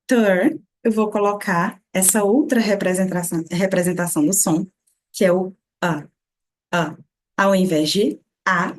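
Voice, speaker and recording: A Brazilian woman with a Brazilian Portuguese accent teaches English pronunciation. She slows down to repeat single sounds and words over and over. Her voice is mellow and dark in tone, at a middle pitch. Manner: slow demonstrative repetition of sounds. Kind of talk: pronunciation lesson.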